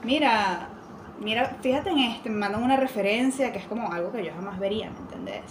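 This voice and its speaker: A woman's voice: a little high, brisk, echoey room, noisy background. A young woman with an Argentine-influenced accent, chatting as a podcast guest, full of fillers. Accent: Argentine-influenced Spanish. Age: young adult. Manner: chatty, fillers like "o sea" and "tipo". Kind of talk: casual chat.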